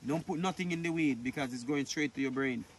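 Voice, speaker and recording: A middle-aged man with a Jamaican accent, a farmer answering interview questions outdoors in a relaxed, easygoing way. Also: a little high, fast, a little hiss or hum. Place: outdoors on a rural farm.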